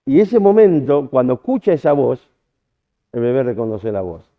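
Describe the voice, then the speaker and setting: Chatty Argentine preacher on tinny audio. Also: male voice, mid-range voice, very animated, moderate pace. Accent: Argentine Spanish. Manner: chatty anecdotal storytelling with restarts and acted-out quotes. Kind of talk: storytelling sermon at a church camp.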